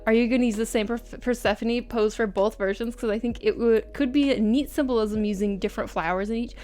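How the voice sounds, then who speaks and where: This art streamer's voice is a little high, steady and slightly mellow, and she talks briskly. She reads out comments from viewers in a giggly, self-mocking way while keeping the chat informal over background music.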